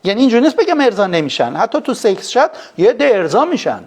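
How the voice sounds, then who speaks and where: A man, a psychologist, giving an animated lecture on a live stream, full of rhetorical questions. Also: high voice. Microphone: phone.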